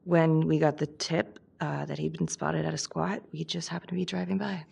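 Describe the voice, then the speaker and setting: A gravelly tough detective. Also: female voice, sits low, little pitch movement, moderate pace, a little mellow, exaggerated voice. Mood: defensive. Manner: blunt, curt. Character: tough, defensive female detective. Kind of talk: game voice acting.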